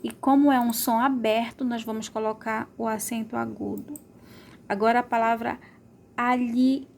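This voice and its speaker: A woman's voice: on the high side, flat delivery, normal speed, vocal fry, darkish tone, a little hiss or hum. A woman teaching a remote school lesson, stretching out words to model their sounds and checking in with pupils often.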